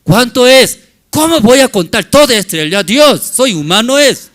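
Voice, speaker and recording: A man's voice: extremely high pitch, very animated, a little slow, fairly bright tone, voice pushed up, heavily acted. A man playing Abraham as a bewildered old man, pleading and exasperated.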